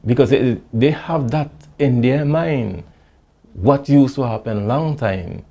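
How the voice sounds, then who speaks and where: In an oral history interview, a Vincentian man recalls his childhood in a St Vincent Creole accent, halting and repeating words as he speaks. His voice is medium in pitch with a dark tone.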